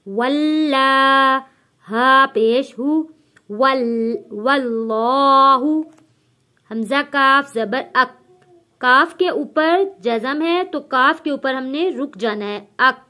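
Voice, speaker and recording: A woman teaching Quran reading, spelling out Arabic syllables letter by letter, drawing the sounds out slowly and then adding quick explanations. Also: high-pitched, pushed and bright, smooth. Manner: slow drawn-out recitation with quick explanations.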